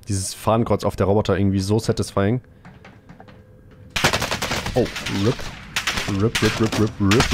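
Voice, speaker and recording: A young man streams a shooter game live, chatting loosely and excitably with his viewers in a middle-pitched voice. His slangy talk jumps between the match and the chat, and faint noise and gunfire from the game sit behind him.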